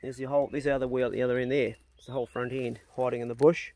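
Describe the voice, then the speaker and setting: A man's voice: mid-range voice, little pitch movement, very fast, darkish tone. A middle-aged man with a broad New Zealand accent chatting casually as a vlog host, laid-back and slangy. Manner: laid-back slangy talk, ending with "eh" and "bro". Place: outdoors on rural land. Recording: noisy outdoor ambience.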